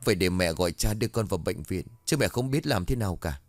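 A man's voice: low voice, expressive, fast, dry recording. A man voicing a frantic middle-aged mother, terrified for her son, in a spoken ghost story. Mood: worried. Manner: rising pleading cries.

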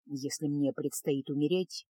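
A brooding young male mage from a fantasy audiobook , voiced by a woman reader. The voice is pushed down low and kept soft, halting, close and dry on the mic. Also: steady tone, slightly rough, no echo. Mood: tender.

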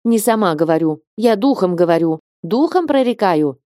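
A woman's voice: moderate pace, warm tone, no room sound, natural voice. A woman voicing a half-mad old nun who shrieks in a frenzy, with a dry close sound. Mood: shrieking. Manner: shrill, frenzied wailing.

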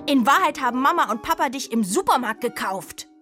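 A woman's voice: sits high, animated, a little fast, over music, voice pushed up. Woman voicing an angry schoolgirl big sister. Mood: furious. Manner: shouting angrily, then whispering contritely. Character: furious older schoolgirl sister, quick-tempered.

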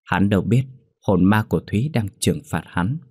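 Man, ghost story narration, steady dramatic telling, very deep voice, dry close sound. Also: normal speed, breathy edge, no room sound.

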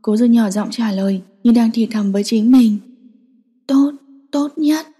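Dark, husky woman narrating a story. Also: medium pitch, flat delivery, a little fast. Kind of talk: audiobook narration. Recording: long reverberant echo.

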